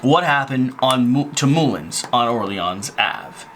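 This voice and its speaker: A man's voice: mid-range voice, expressive, measured pace, fairly bright tone, slight background noise. A man playing a cooperative board game, explaining rules emphatically, teasing the others and reading story passages. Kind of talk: casual tabletop play, narrating story text.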